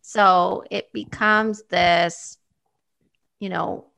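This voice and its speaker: A woman's voice: medium pitch, fairly even intonation, drawn-out words, vocal fry, sharp tone. A woman in her fifties, answering interview questions thoughtfully and with some hesitation. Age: 50s. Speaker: guest.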